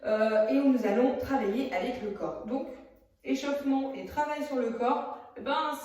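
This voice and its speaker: A woman's voice: sits high, normal speed, darkish tone. Woman, drama teacher, casual chatty delivery with hesitations; distant phone mic, very echoey room. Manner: chatty, many hesitations, demonstrates while talking. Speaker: theatre workshop teacher. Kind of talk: casual video lesson. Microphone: phone camera at a distance.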